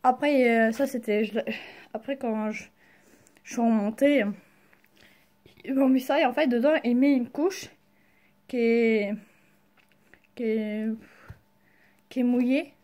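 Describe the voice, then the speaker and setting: A young woman chats casually in a vlog, halting and slangy, speaking carefully with a sore mouth after wisdom teeth removal. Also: a little high, warm tone. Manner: halting, slangy, searching for words. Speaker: vlogger. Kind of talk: casual personal storytelling to camera.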